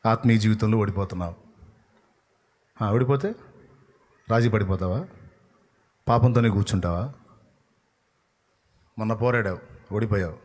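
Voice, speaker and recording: Pastor, man, fiery sermon delivery, big swings between loud and hushed. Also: normal speed, pauses often. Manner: passionate, swings from shouting to low intensity; speaks in God's voice, rhetorical questions to listener.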